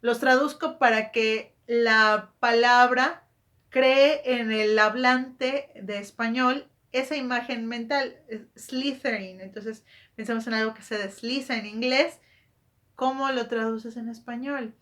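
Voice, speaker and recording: A woman talks through her topic like a book vlogger, chatty and quick to correct herself mid-sentence. She keeps throwing rhetorical questions at her viewers. Her voice sits a little on the high side. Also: fairly even intonation, fairly bright tone. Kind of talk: casual explanatory monologue.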